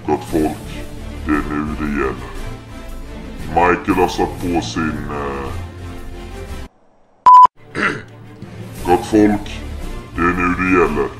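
Deep, slow, solemn announcer as a young Swedish gamer puts it on, game-video bit, music behind. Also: male voice. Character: deep-voiced dramatic male announcer.

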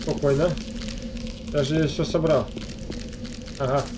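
Casting: male let's play host, fairly high voice, casual muttered commentary, game noise behind. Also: steady tone, takes it slowly. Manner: muttering to himself while playing, addressing viewers. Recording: noisy, game sound behind voice.

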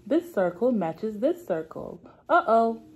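A young preschool teacher reads a story to little kids indoors, drawing out simple lines and saying them again and again. She speaks slowly in a fairly high voice with big swings in pitch and a breathy edge.

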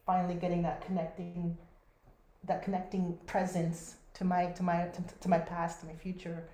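A woman moderating a video-call panel, reading out a question and answering it herself, halting and restarting often. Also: fairly low pitch, monotone, warm tone. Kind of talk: online panel discussion. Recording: echoey room, faint noise.

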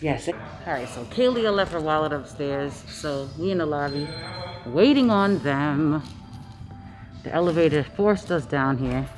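A woman's voice: low-pitched, lively intonation, a little slow, over music. A woman in her thirties casually narrating a family vlog and talking playfully to her baby and kids, recorded on a handheld camera. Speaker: vlogger and mother. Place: hotel room, lobby and city streets.

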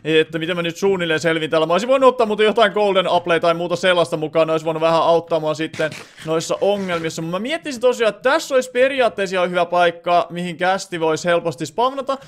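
A young Finnish man talking through a game session out loud, thinking aloud with lots of filler sounds. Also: sits high. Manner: bursts into loud excited shouting. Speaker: gaming channel host. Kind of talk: Let's Play commentary.

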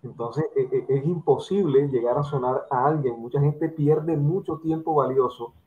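A man's voice: a little high, normal speed. A middle-aged man from Barranquilla, Colombia, hosting a drum interview over a video call, explaining to viewers and using examples. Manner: explanatory, addresses viewers directly, lectures with examples. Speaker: host of an online drum interview. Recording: tinny phone-like video call audio.

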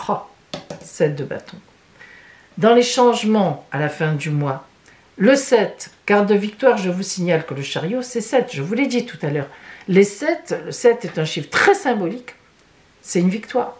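Woman tarot reader, lively swooping pitch, emphatic chatty delivery. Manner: animated, emphatic, with many "hein" asides. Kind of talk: monthly tarot reading.

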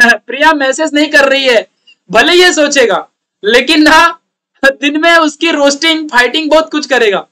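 A man's voice: extremely high pitch, moderate pace, bright, forceful tone. A young man from India with an Indian accent, an online tutor mixing chatty teasing and frequent laughs into a casual teaching rant.

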